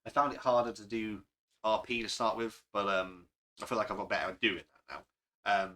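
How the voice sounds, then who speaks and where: Bright-toned male game master in a loose, rambling chat, quick to laugh at himself. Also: on the low side, fairly even intonation. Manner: rambling, self-deprecating, laughs often. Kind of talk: casual podcast chat.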